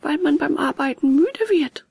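A woman voicing an excitable young wooden puppet boy in a storybook reading, high and often whispered. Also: normal speed, vocal fry, no room sound, clean studio sound. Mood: sulky.

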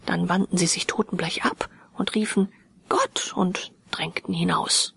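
Woman narrator, husky, whispery, slow ghost-story delivery. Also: on the low side, fairly even intonation, no echo. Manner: often half-whispered, slow and hushed. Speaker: audiobook reader.

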